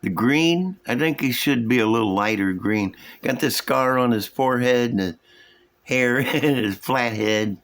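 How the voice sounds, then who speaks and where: A man with a slow, folksy drawl, casually showing and explaining his hobby projects to viewers. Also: mid-range voice, a bit bright. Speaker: hobby model-building vlogger. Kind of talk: casual show-and-tell commentary.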